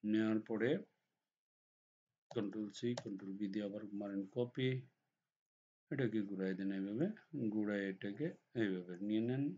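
Hoarse man teaching design software. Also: lowish voice, steady tone, normal speed, pauses often. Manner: step-by-step instructions with frequent checks like "ঠিক আছে?". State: hoarse from a cold. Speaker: computer design instructor. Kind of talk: screen-recorded software tutorial. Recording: dull lo-fi recording with faint noise.

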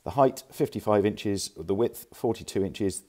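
In a relaxed tour of warehouse stock, a male furniture dealer chats informally, occasionally correcting himself as he goes. He speaks a little slowly in a lowish, darkish voice, recorded on a handheld phone.

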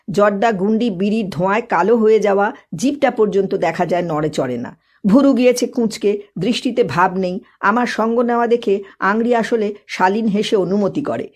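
A woman's voice: mid-range voice, a little mellow. Woman reading a lyrical story. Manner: lyrical, measured narration.

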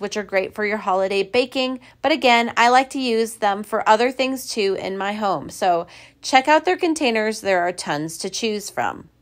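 Upbeat woman narrating craft tips. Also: a little high. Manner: upbeat, instructional. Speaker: craft channel host. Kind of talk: scripted voice-over narration.

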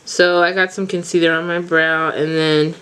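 Woman, twenties, slightly low pitch. Giggly drunk beauty vlogger, casual, rambling, sweary. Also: little pitch movement, normal speed, a bit bright, clean tone, rough recording. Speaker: makeup vlogger. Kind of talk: casual chatty makeup tutorial. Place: small indoor room in front of a fabric backdrop.

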